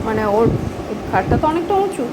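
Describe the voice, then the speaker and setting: A woman's voice: on the high side, very animated, a little fast. A young woman at home filming her dog, coaxing it in baby talk and repeating words again and again. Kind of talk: casual home video chat with her dog. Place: home, indoors. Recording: noisy home recording with traffic outside.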